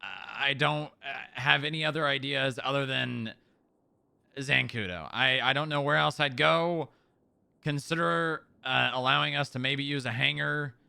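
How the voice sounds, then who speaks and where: Roleplay streamer, male, leaving a faltering, pleading voicemail; smooth crisp tone, dry close mic. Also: mid-range voice, measured pace, pushed and bright, no echo. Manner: hesitant, pleading, full of fillers. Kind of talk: in-character roleplay.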